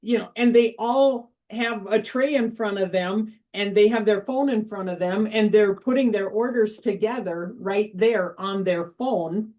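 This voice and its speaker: A woman's voice: medium pitch, measured pace, hardly any pauses, darkish tone. Chatty middle-aged woman leading a workshop. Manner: chatty, storytelling, emphatic repetition. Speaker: workshop host. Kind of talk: informal sales workshop talk.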